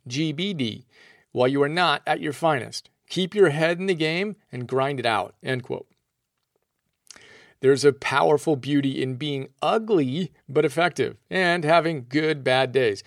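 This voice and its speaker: A man's voice: on the high side, dry recording, studio quality. A man reading a scripted, motivational book summary in an earnest tone, quoting passages aloud. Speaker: host summarizing books.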